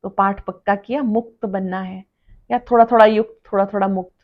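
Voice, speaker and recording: A woman gives a devotional sermon at a steady, middle pitch. She stresses her points, says key lines twice and puts rhetorical questions to her listeners. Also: a little fast, lo-fi sound. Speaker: spiritual teacher reading a class.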